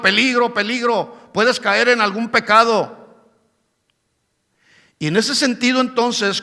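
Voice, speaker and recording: Bright-voiced preaching man in a reverberant hall. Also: on the high side. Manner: emphatic preaching, often checks in with the congregation. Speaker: pastor. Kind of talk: sermon. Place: church hall. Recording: long church hall reverb.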